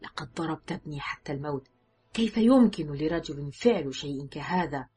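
Woman as a fierce grieving father, slow and husky. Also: sits low, lively intonation, dark tone, soft background music, heavily acted.

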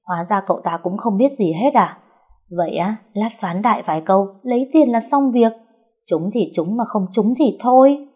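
A cheeky young peasant girl, greedy for coins and terrified of dying, rattling on in a wheedling, boastful voice pitched well above the storyteller's own, as a woman narrator puts her on. The voice stays husky and mellow underneath. It sounds like a spoken storybook. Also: normal speed, natural voice. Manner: rambling, wheedling and boastful chatter.

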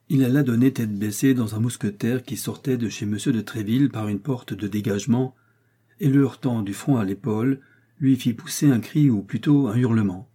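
Man narrating an audiobook, mellow husky voice, slow and deliberate. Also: medium pitch. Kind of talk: audiobook narration of a classic novel.

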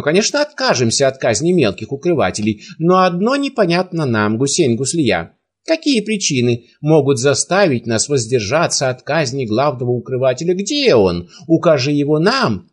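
A man's voice: medium pitch, breathy edge. A man voicing a pompous, impatient ruler in an audiobook, speaking haughtily. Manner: haughty, imperious. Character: pompous impatient ruling emir, adult man.

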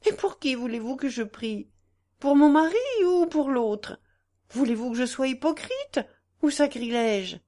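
A woman's voice: high voice, unhurried, warm tone, pitched above the performer's own voice. A woman reading aloud and voicing a distraught young Parisian wife in anguished, raised outbursts. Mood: bitter.

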